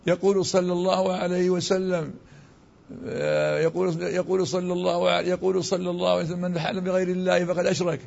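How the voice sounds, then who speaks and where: High-voiced, creaky older male religious scholar. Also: little pitch movement, a little mellow. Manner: halting, repeats and restarts phrases. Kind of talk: religious ruling with quoted scripture. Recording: dull lo-fi broadcast audio.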